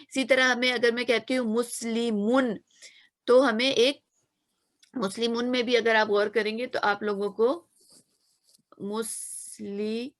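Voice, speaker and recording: A woman's voice: fairly high pitch, level tone, normal speed. A woman teaching a grammar lesson, patiently repeating examples and checking that students follow. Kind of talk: explanatory lesson.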